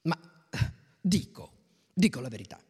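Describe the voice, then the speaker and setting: A reader voicing a blunt, loud older woman who rants indignantly, in a storybook reading. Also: mid-range voice, big pitch swings, moderate pace, slightly rough, voice pushed down, exaggerated voice. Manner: indignant ranting, shouting. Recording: long reverb.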